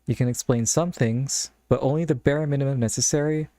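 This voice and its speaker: A man live-streams while browsing games, chatting casually and thinking aloud in a rambling way into a close mic. His mid-range voice is steady, brisk, and mellow, with no room sound.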